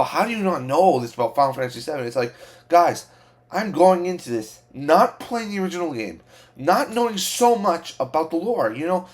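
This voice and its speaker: A man with a voice on the high side hosts a reaction video as an excited fan, babbling with overexcitement, gushing and repeating himself.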